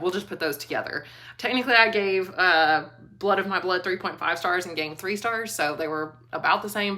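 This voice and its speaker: Woman, casual book vlogger, animated and giggly, clear bright tone. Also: medium pitch. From Kentucky. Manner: chatty, animated, laughs often, trailing restarts. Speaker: school librarian book reviewer. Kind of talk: casual book review vlog.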